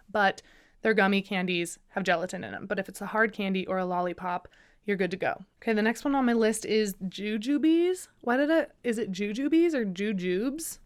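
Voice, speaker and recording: Young woman, podcast host, chatty, bubbly, casual solo talk, mid-pitched voice. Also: moderate pace, clean tone. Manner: chatty and bubbly, with fillers and asides.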